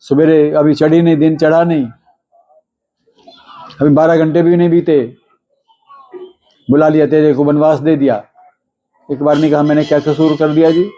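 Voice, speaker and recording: A man with a fairly high voice speaks to his listeners in a devotional discourse. His tone is mellow and warm. He keeps asking rhetorical questions and sometimes slows into chanted scripture verses. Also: little pitch movement. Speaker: religious storyteller.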